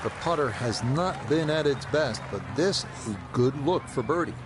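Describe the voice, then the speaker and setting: A man calling golf play-by-play as a broadcast commentator, in a measured, informative way. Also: mid-range voice, expressive, noisy background, lightly acted. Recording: music and crowd behind voice. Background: music and outdoor crowd ambience.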